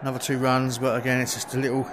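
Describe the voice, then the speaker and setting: Man, casual game commentary, headset mic, noisy background hiss. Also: medium pitch. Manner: relaxed, chatty running self-commentary with quick exclamations. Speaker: gaming video creator. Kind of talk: live commentary while playing a VR cricket game. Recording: steady background noise.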